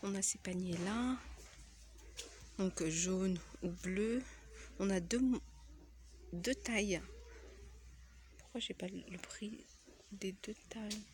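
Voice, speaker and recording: A woman with a cold films a walkthrough vlog inside a large home decor store. She speaks softly, often sliding into a near whisper, at a middling pitch for a woman. Steady store noise runs under her voice. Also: slow pace, long pauses. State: has a cold.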